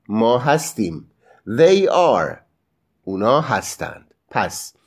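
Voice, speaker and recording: Lively-voiced man teaching English grammar. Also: mid-range voice. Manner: slow, drawn-out model pronunciation of English phrases; rising questioning intonation on example questions. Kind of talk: English grammar lesson in Persian.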